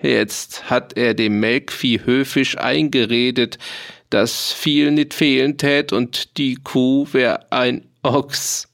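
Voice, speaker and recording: A man's voice: medium pitch, steady tone, slow, vocal fry, fairly bright tone. A man voicing a thin, wry farmer making a mocking remark.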